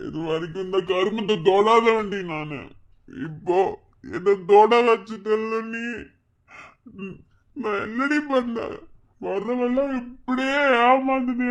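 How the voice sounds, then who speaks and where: A jilted young husband in a cartoon, played by a man with a Madurai accent, drunk and bitter. He rants loudly, his voice high and strained, and drags out his words. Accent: Madurai Tamil. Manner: drunken, bitter, loud, slurred. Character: heartbroken young man ranting after his wife left.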